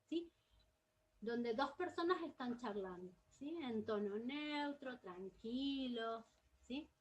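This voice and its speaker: A woman gives a recorded class lesson, her voice sitting somewhat high. She explains step by step in a patient way and keeps checking that her listeners follow along. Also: rough recording. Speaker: teacher.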